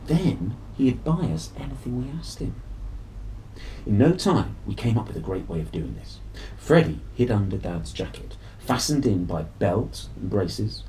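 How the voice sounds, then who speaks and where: A rough recording with slight background noise captures a man's lowish, mellow voice. He's a storybook reader giving an animated, playful telling of a children's story, leaning hard on dramatic emphasis.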